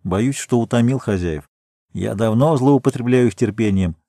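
A man reading aloud, voicing a calm, learned middle-aged geologist who explains things in a measured way. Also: mid-range voice, dry recording, clean studio sound, lightly acted.

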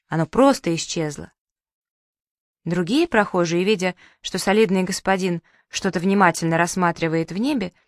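A woman reads a children's tale aloud at a calm, even pace. Her voice sits in a middle register. The recording is dry and close, with no room sound. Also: medium pitch, no room sound. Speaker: narrator. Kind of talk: storybook reading.

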